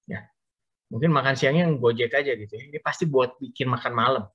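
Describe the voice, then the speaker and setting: A man's voice: medium pitch, fast talker, a bit bright, slightly rough. A man giving a casual, chatty storytelling sermon to a youth group over an online call, addressing listeners directly. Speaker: youth service speaker. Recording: dull Zoom audio.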